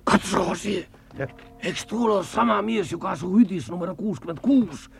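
A man's voice: sits high, creaky. An actor playing a loyal male sidekick with a Karelian accent in a vintage radio play, chatting in folksy dialect. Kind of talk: 1940s radio acting.

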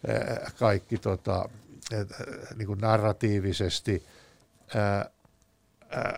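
A man's voice: lowish voice, level tone, creaky, a little mellow. A man, a guest author on a talk show, discussing ideas in a thoughtful, anecdotal way with frequent hesitations.

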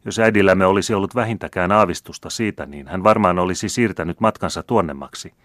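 A man's voice: sits low, fairly bright tone, no echo, clean studio sound, voice pushed up. Man doing a proud, scheming noble son. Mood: feigned warmth. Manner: smooth, feigning, commanding.

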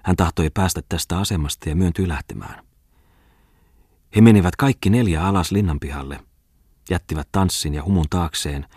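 A man's voice: deep voice, slightly rough, dry recording, studio quality. A man reading a novel aloud as an audiobook narrator, voicing the dialogue within his narration. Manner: even literary reading with quoted dialogue. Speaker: audiobook reader. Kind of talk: scripted narration.

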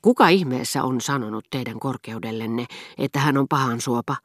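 A woman reading the part of a witty, sharp-tongued duchess in an audiobook, emphatic and mocking. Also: a bass voice, no room sound, clean studio sound. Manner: emphatic, mocking, earthy chest voice.

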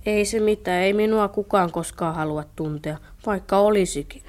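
A woman's voice: medium pitch, darkish tone, lightly acted. A woman voicing a shy, lonely young boy in a radio play, talking in a timid, glum way. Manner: timid, glum and self-pitying.

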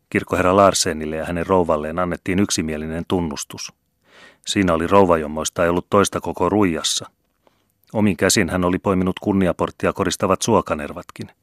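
A man reading a novel aloud as an audiobook narrator, with a measured, even storytelling delivery. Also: low-pitched, no echo, clean studio sound. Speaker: audiobook reader. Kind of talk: scripted literary narration.

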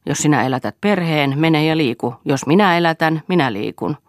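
A woman's voice: low voice, no room sound, clean studio sound, close to an everyday voice. Woman reading as a bitter, scornful husband. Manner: scornful, accusing. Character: bitter jealous husband, domineering.

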